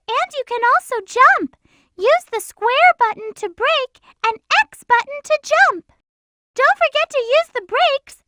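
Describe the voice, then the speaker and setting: A woman voicing a polite, gentle little girl rabbit in a video game, speaking earnestly and helpfully. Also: very high-pitched, no echo, exaggerated voice. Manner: polite, well-mannered, earnest helper.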